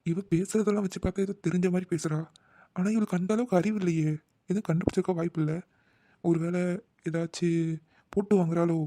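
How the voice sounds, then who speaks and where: A man's voice: high-pitched, level tone, fast, pauses often, dark tone, dry recording, natural voice. A man voicing a flustered young brother in a cartoon, bickering with his sister and muttering panicky asides. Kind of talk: cartoon voice acting.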